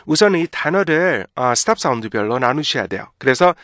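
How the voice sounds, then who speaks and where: A man teaching English pronunciation, explaining patiently and slowly drawing out example words, often checking in with the listener. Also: medium pitch, sing-song, fairly bright tone, dry recording, studio quality. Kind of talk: pronunciation lesson.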